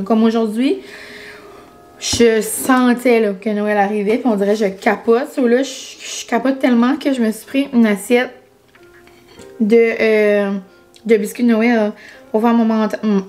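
A woman's voice: on the high side, darkish tone. A young woman with a Quebec French accent chatting casually to camera, full of fillers and English words. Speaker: vlogger. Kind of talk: casual vlog chat.

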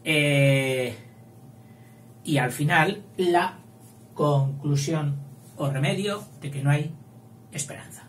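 A man teaching literature, chatting as he counts syllables and reads lines of verse slowly aloud. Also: on the high side. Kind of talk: explaining poetic meter at a whiteboard. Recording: roomy, distant mic, faint hum.

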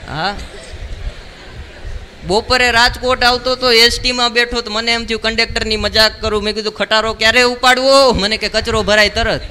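A man's voice: extremely high pitch, fairly even intonation, bright, forceful tone, a little hiss or hum. A man doing stand-up comedy on a stage mic, telling punchy jokes and checking in with the crowd. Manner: punchy joke telling, quick call-and-response to the crowd. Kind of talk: live stand-up comedy show. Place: live show in a large hall. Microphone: stage microphone. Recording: live hall recording with long reverb.

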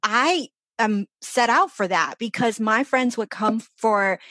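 A woman's voice: on the high side, slow pace, a bit bright, dry recording. Upbeat woman life coach, dry sound. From born in China, grew up in Los Angeles. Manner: upbeat, earnest, motivational. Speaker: life coach, podcast guest. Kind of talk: casual interview chat.

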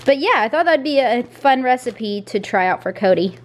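A woman's voice: a little high, lively intonation, normal speed. A woman, chatting upbeat to a handheld camera in her kitchen and car, and cooing to her dogs. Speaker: vlogger. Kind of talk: casual vlog talk to camera. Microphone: handheld camera at arm's length.

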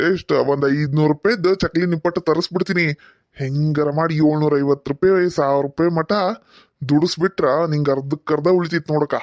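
Casting: cartoon uncle from North Karnataka, sly plotter, mid-pitched, dry, someone voicing him. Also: no echo, close to an everyday voice. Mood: conspiring. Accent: North Karnataka Kannada. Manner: conspiring, smooth-talking. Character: scheming grown man uncle, stepmother's brother. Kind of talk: cartoon voice acting.

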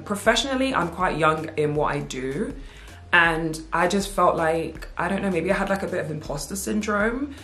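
Chatty low-voiced woman in a roomy space. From United Kingdom. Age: 20s. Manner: chatty, animated, playful with slang asides. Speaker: YouTube vlogger. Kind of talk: casual Q&A chat to camera.

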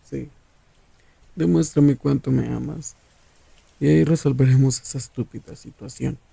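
A man playing a menacing, possessive serial killer lover in an ASMR roleplay, taunting and condescending in a drawn-out way. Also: medium pitch, steady tone, creaky, dark tone, breathy edge, no room sound.

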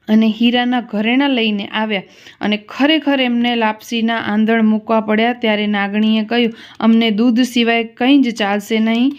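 A woman storyteller narrating a devotional fasting story in a steady, plain way. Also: fairly high pitch. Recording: slightly dull lo-fi recording.

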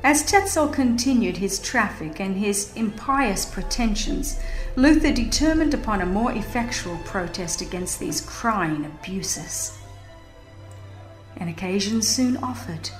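Animated yet unhurried, a woman with a mid-range voice gives a dramatized scripted reading of a religious history audiobook. She sounds solemn, emphatic and formal, and her voice echoes over music in the background.

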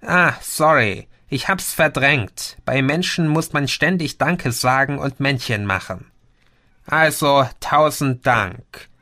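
A man voicing a haughty, bossy female red insect alien with a shrill, snappish way of speaking. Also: expressive, a little slow, few pauses, sharp tone, no echo, studio quality. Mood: grudging.

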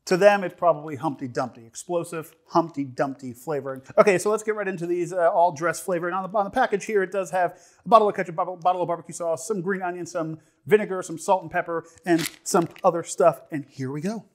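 High-pitched young man, rambling snack reviewer. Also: fairly even intonation. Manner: rambling, halting, with repeated phrases and joking asides. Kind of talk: casual, humorous on-camera food review. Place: indoor studio set with dark curtain backdrop. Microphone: lapel mic.

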